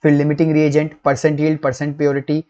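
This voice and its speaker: Man teaching chemistry, higher voice. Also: completely flat delivery, fast talker, warm tone, muffled recording. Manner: addresses students as kids, checks in with "theek" and "hai na". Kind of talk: classroom lecture to students.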